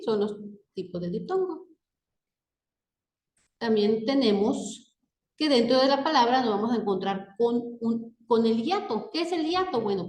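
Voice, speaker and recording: A woman with a fairly high voice teaches a grammar lesson at a very slow, careful pace. She reads each example word on its own. Her voice rings in an echoey room. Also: a little mellow. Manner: checks in with a rising "¿sí?" after each point; reads example words slowly one at a time.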